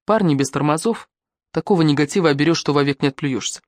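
The anxious inner voice of a sharp-tongued heroine from an audiobook, read by a woman. She urges herself tensely. The recording is dry and close. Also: deep voice, quick pace, no echo, lightly acted.

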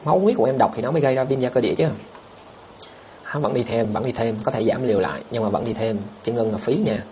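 A man hosts a casual livestream, reading viewer comments aloud and answering them bluntly, with a scoffing edge. He talks at a brisk, rapid clip. A faint hum of background noise sits under his voice. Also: mid-range voice, dark tone.

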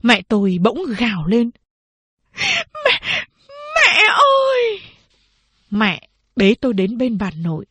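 A woman narrating a novel as an audiobook, slow and measured. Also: medium pitch, breathy edge, dry recording.

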